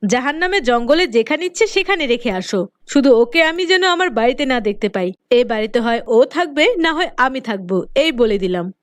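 A woman's voice: a little high, big pitch swings, normal speed, dry recording. A sneering, scolding cartoon stepmother. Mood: scolding, spiteful. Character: cruel scolding stepmother, middle-aged woman. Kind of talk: cartoon voice acting.

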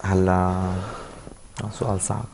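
A man's voice: low voice, little pitch movement, normal speed, vocal fry, over a noisy crowd. A man in his thirties with a Homsi Syrian accent, giving casual replies as a singer guest. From Homs, Syria. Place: TV studio, seated on sofa.

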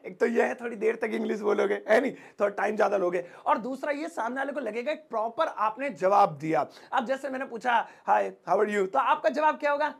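Energetic man with a Hindi accent teaching a lesson, rough husky voice, playful and fast. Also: extremely high pitch. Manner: fast, joking, acts out sample dialogues. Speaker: English teacher. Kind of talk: energetic spoken-English lesson.

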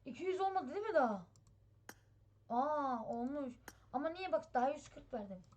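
A woman hosting a gaming channel, giving excited, impatient commentary on a mobile game. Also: high voice, moderate pace, dull audio. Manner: excitable, impatient, chatty exclamations. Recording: steady background noise.

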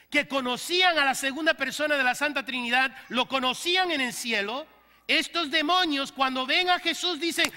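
A male pastor preaching a sermon to his congregation, leading call-and-response and breaking into loud bursts. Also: very high voice, big-room sound.

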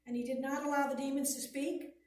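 A woman reading scripture aloud during a sermon in a steady, measured way. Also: sits high, a little hiss or hum. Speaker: scripture reader. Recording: echoey room, heard from a distance.

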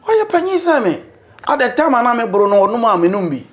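A middle-aged Ghanaian man, a bishop, talking as an interview guest in a room, mixing English and Twi, animated and preacherly. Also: very high voice, fast talker, faint music behind. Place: indoor living room, seated on sofa.

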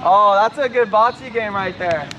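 A man's voice: sits high, moderate pace, dull audio, over music. A young man in his twenties, joking around on a casual vlog. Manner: playful, joking. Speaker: family member. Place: outdoors and family home.

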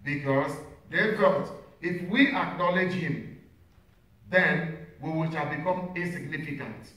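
A man's voice: fairly high pitch, measured pace, sharp tone. A man, a priest, preaching a homily and putting questions to the congregation. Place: large reverberant church. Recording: very echoey church, distant mic.

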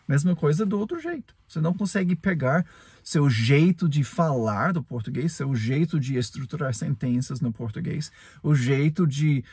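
Husky man, a native English speaker talking Portuguese. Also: fairly high pitch, darkish tone, no room sound. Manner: earnest, repetitive, with frequent tag questions and chuckles. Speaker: English teacher, podcast host. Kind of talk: casual spoken lesson.

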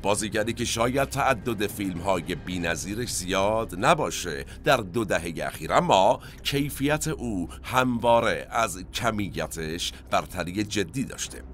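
A man's voice: fairly low pitch, expressive, few pauses, fairly bright tone, a little hiss or hum. A man hosting a cinema history podcast, telling stories in a conversational way with asides to his listeners. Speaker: podcast host.

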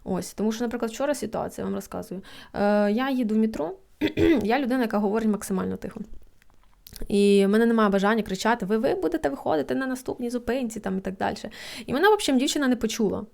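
A young woman giving casual psychology advice, chatty, with lots of fillers and quick laughs. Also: on the high side, vocal fry, a little mellow. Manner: quick, chatty, many fillers and laughs, acts out inner thoughts. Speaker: psychologist in training. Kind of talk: casual advice talk to camera.

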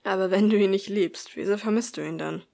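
A gentle, protective teenage boy from an audiobook, reassuring and quiet, as a woman reader speaks him. His lines come softly, close to the plain reading voice. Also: mid-range voice, brisk, creaky, natural voice.

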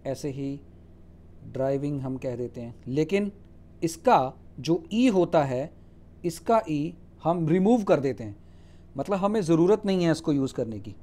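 Male teacher, mellow and fairly high voice, explains spelling rules step by step. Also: lively intonation. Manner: spells words out letter by letter and checks with "ठीक है?"; reads English rules aloud slowly, then explains them in Hindi. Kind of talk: Hindi lecture on English spelling rules.

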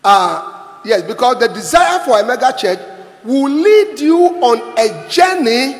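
High-pitched middle-aged male pastor, emphatic sermon, handheld mic in a large church hall with long reverb. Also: big pitch swings, slow pace. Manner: emphatic, repeats lines for the interpreter. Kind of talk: sermon with interpreter.

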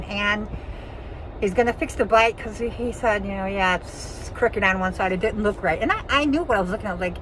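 A woman's voice: mid-range voice, background noise. A woman in her fifties talking through a face mask, chatting frankly and rambling in a casual vlog, filmed outdoors on a phone held at arm's length. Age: 50s. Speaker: vlogger.

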